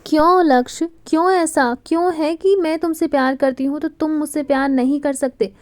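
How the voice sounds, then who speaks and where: A woman's voice: high-pitched, steady tone, normal speed, pitched above the performer's own voice, lightly acted. A woman voicing a young woman who is obsessively in love, her lines pleading and insistent.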